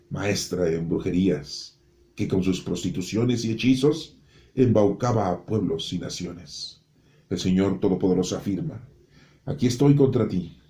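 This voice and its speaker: A man with a low, dark, mellow voice reads scripture aloud in a dramatic way. He lifts his voice sharply on key words, then drops it and slows down to stress solemn phrases. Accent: Spanish-speaking. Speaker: preacher reading scripture. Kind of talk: expressive scripture reading.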